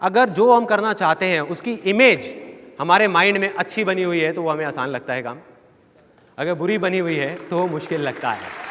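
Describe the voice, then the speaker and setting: Man, motivational speaker, storytelling, repeats key phrases, high voice, faint crowd. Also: normal speed, background noise. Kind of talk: live seminar talk. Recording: long hall reverb, faint audience.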